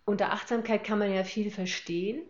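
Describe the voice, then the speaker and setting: An older woman raised in Hamburg with a northern German accent, a former teacher speaking thoughtfully as a podcast guest with many pauses and fillers. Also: medium pitch, fairly even intonation, muffled recording. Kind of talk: podcast interview.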